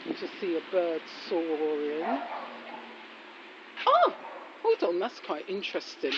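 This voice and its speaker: A woman with a fairly low voice that swoops wildly in pitch talks slowly through a casual walking vlog, rambling with devotional reflections and lots of admiring exclamations. She's outdoors on a residential street after rain, holding her phone as she walks. The recording is muffled and noisy, with traffic in the background.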